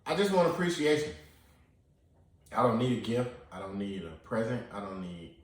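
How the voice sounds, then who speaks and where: Animated man chatting in an echoey room. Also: fairly low pitch, moderate pace. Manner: animated, acts out quoted lines; eating while talking. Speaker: podcast co-host. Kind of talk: casual chat.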